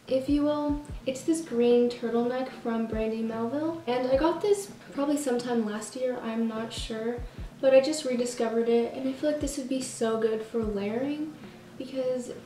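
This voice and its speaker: A woman's voice: on the high side, moderate pace, warm tone, distant mic, slight background noise. Chatty teenage girl in a roomy room. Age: teens. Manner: bubbly, chatty, self-mocking asides. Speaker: vlogger. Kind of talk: casual try-on haul chat. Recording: roomy sound from off the mic.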